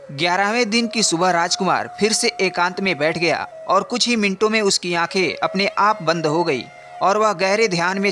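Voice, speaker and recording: Calm guy narrating a story, high voice, even and measured.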